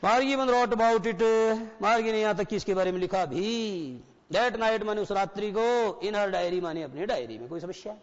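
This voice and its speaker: A man's voice: sits high, lively intonation, normal speed. A man with a Rajasthani Hindi accent teaching an English lesson, asking his pupils questions and repeating the answers. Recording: dull lo-fi broadcast sound with long reverb.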